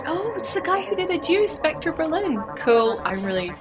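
A woman's voice: extremely high pitch, big pitch swings, normal speed. A woman in her thirties with a slight lisp from wearing retainer-like aligners, casually commenting as she reacts to a music video. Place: small home room, indoors. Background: loud rock music from the video.

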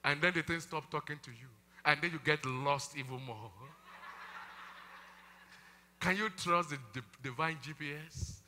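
A man preaching a sermon, emphatic, swinging between loud calls and hushed asides. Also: a little high, measured pace, long pauses, slight background noise. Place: church hall. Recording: church hall reverb.

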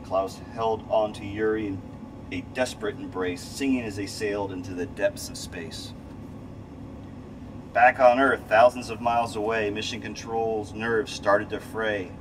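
Speaking in a lowish voice at a slightly slow pace, this middle-aged storyteller gives an expressive reading of a rhyming children's book, occasionally tripping over words and going back over them. The recording comes from a distant mic in a cramped space station window module, where a loud, constant air-conditioning-like hum fills the background.

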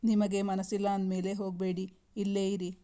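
A young wife and mother from a storybook reading pleads softly with her husband, voiced by a woman narrator. Her voice is mellow and dark, with very little pitch movement. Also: flat delivery, a little fast, close to an everyday voice. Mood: pleading.

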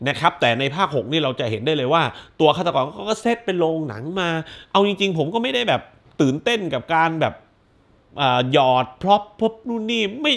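Animated, foul-mouthed man reviewing a movie. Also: high-pitched. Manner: animated, crude slang, acts out scenes with shouts. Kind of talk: casual spoiler movie review.

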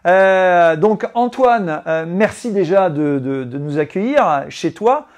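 A golf coach from France talks through a live indoor demonstration with a high voice. His manner is relaxed and explanatory. He pauses and hesitates often as he walks viewers through the equipment. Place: indoors, living room with golf simulator.

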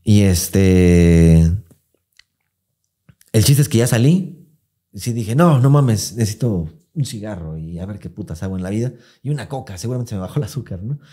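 A man's voice: on the low side, moderate pace, slightly rough. A man with a Mexican Spanish accent, a podcast co-host telling a personal story in casual, swearing, slang-filled chat, acting out what people said. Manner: swearing, slangy, animated retelling with acted quotes.

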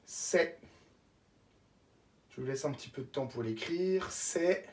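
A woman teacher dictates simple words to young children in a low voice, spelling each one slowly letter by letter. She sits back from the microphone in a room with an echo. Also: lively intonation, a little mellow. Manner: slow, spells words letter by letter and repeats them. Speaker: first-grade teacher. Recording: echoey room, voice from a distance.

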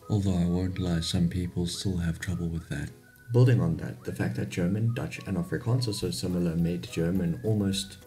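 Speaking in a low, warm voice, a South African man in his twenties hosts a YouTube video from a small home bedroom. He talks to camera in a chatty, informal explainer about languages.

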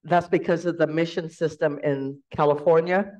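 A woman's voice: sits low, fairly even intonation, moderate pace, a little mellow. Chatty woman telling family stories. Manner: chatty and informal, laughs often. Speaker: storyteller and guest speaker. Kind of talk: casual storytelling presentation. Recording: dull lo-fi recording.

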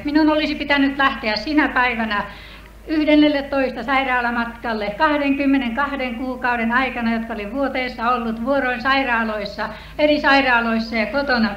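A woman giving a personal healing testimony at a church meeting, earnest and measured. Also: high-pitched, a little hiss or hum. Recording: echoey hall, dull old tape.

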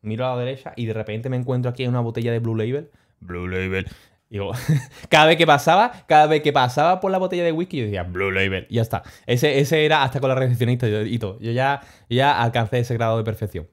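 A man telling a travel story on his stream in a casual, animated, slangy way, chuckling as he goes. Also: medium pitch, quick pace.

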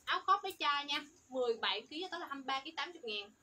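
A woman selling children's clothes on a livestream, rattling off product codes and sizes in an upbeat sales pitch. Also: animated, very fast, bright, forceful tone, slight background noise.

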